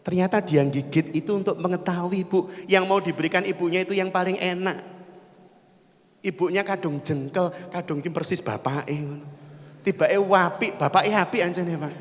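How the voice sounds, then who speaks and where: A man's voice: high-pitched, steady tone, moderate pace. Javanese-accented man preaching in a hall. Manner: storytelling, acting out voices of parents and children, addressing the audience directly. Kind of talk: sermon.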